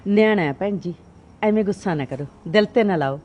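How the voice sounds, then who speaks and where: A woman's voice: medium pitch, a little fast, darkish tone, dull audio, natural voice. A woman playing a soothing middle-aged sister-in-law. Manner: placating, reassuring.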